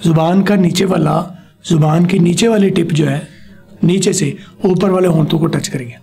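A man teaching a spoken language lesson, slowly modeling words and having a pupil repeat them back after him. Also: fairly high pitch, creaky, dark tone, faint music behind. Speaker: English teacher.

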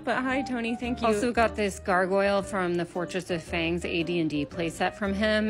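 A woman collector giving an enthusiastic, gushing voice-over about her vintage finds in a casual show-and-tell. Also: mid-range voice.

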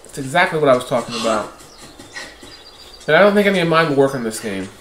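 A man's voice: medium pitch, very animated, fast talker. A man giving casual let's-play commentary, swearing often and ranting irritably at the game. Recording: roomy echo with game music. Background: game music.

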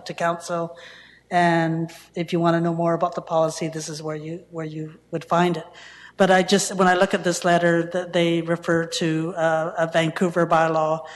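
A woman city councillor asking a question in a meeting, hesitant with many fillers and restarts. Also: fairly low pitch. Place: council chamber. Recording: long reverb, faint room noise, council chamber.

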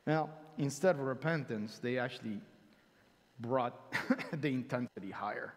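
A male pastor preaching a sermon, animated and acting out quotes with sudden loud exclamations, recorded in a church sanctuary. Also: medium pitch, moderate pace. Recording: church hall reverb.

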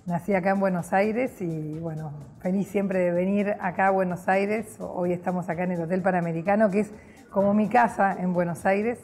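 A woman's voice: lowish voice, fairly even intonation, moderate pace, darkish tone, faint music behind. A middle-aged woman from Argentina with an Argentine accent, cheerfully recounting her career in a chatty way, seated in a hotel lobby. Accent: Argentine Spanish. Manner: cheerful, chatty, with many fillers. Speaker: guest, public relations professional. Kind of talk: personal storytelling to camera.

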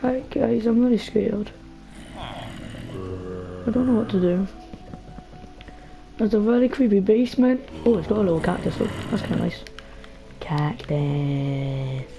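A woman's voice: medium pitch, sing-song, unhurried, gravelly, long pauses, mellow. A young woman giving casual, chatty gameplay commentary, talking nervously to her viewers and to a character in the game. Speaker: gaming video host. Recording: dull lo-fi mic with faint game music.

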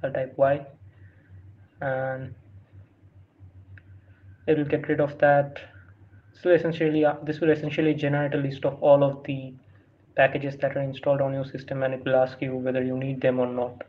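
A tutorial host who isn't a native English speaker talks through a screen-recorded tutorial, reading prompts aloud with lots of fillers and restarts. His medium-pitched voice barely varies, moves at a moderate pace, and leaves long pauses, in dull lo-fi audio with faint hiss.

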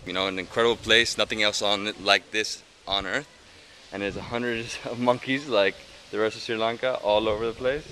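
A young man guides viewers through a temple site with eager, touristy commentary, speaking to a handheld camera. Steady traffic and outdoor hum sits clearly behind him. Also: lowish voice, moderate pace, low-quality recording. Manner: enthusiastic, touristy explaining. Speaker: travel vlog host. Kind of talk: casual travel vlog narration.

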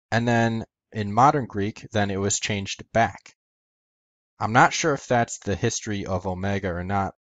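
Low-voiced man explaining step by step. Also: no echo, highs cut off. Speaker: educational video host. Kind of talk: scripted explanatory narration.

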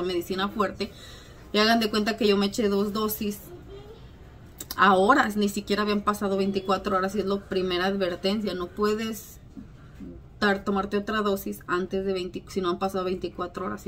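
A woman vlogger, chatting at home late at night, a little hoarse, self-mocking and full of fillers. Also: medium pitch, a bit bright, a little hiss or hum. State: slightly hoarse. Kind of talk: casual chat to camera.

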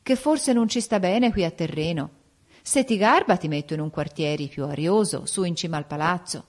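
A woman's voice: on the low side, normal speed, darkish tone, lightly acted. A woman reading the part of a jealous king, raising her voice in accusing outbursts. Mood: questioning. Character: angry jealous king, man.

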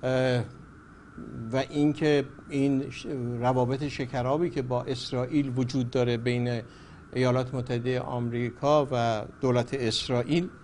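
A man's voice: mid-range voice, dark tone, a little hiss or hum. A man hosting a political talk show, poised as a moderator, his voice lifting when he presses a point. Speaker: host.

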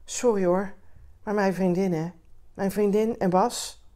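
A woman's voice: mid-range voice, steady tone, a little slow, dark tone, close to an everyday voice. A woman voicing a talkative man in a bar who rambles, hesitant and heartfelt, as he grieves. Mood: fond.

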